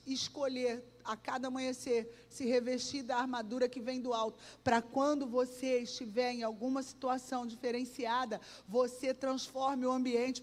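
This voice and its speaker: A woman pastor with a Rio de Janeiro accent tells stories from the pulpit, voicing the people in them and sometimes singing a line. Her voice sits high, and it rings out in a church hall with a long echo. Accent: Rio de Janeiro Portuguese. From Brazil. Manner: animated storytelling, acts out dialogue, sings bits. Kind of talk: sermon with personal anecdotes.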